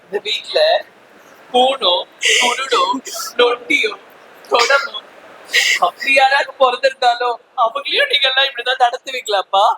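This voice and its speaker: A man's voice: extremely high pitch, moderate pace, long pauses, background noise. An actor playing a young transgender woman who pleads with her parents and confronts her siblings, close to tears. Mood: pleading. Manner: pleading, anguished, sometimes crying. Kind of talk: family drama acting.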